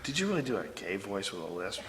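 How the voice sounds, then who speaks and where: A man in his forties hosting a casual backstage chat, loud and joking, swearing freely. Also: fairly low pitch, very animated, fast, big-room sound. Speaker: podcast host. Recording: faint background noise.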